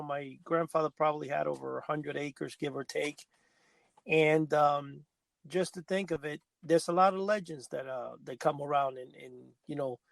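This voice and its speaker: Gravelly-voiced man telling a rambling story. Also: a little high, no room sound. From Cuba. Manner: rambling, self-correcting storyteller. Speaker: podcast co-host. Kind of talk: casual storytelling chat.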